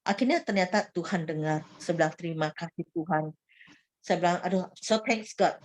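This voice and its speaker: A woman recovering from illness, telling her personal faith testimony to a church group with animated retelling of her prayers and frequent restarts. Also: fairly low pitch, moderate pace, low-quality recording. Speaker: church member giving testimony.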